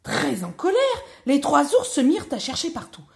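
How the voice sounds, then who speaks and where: A woman teacher reading a children's tale aloud, expressive, dropping to whispers at times. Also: high-pitched, normal speed, vocal fry.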